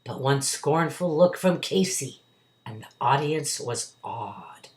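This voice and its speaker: Low-voiced woman reading dramatically to children, roomy echo. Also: lively intonation, takes it slowly. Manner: dramatic, emphatic delivery with acted character voices. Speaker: storyteller reading a picture book to children. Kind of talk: expressive read-aloud of a verse story for children. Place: indoors at home. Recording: roomy, echoey home recording.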